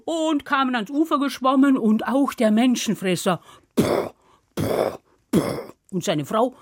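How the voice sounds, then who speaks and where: A woman telling a fairy tale to children in a playful, lively way, acting out voices and sounds. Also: high voice, normal speed, no room sound, studio quality. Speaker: storyteller.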